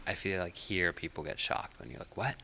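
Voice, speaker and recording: A middle-aged man from Finland, a podcast guest whose first language is Finnish, chatting in a relaxed, hesitant way with many fillers. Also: low-pitched, brisk, creaky, slight background noise. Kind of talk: casual interview chat.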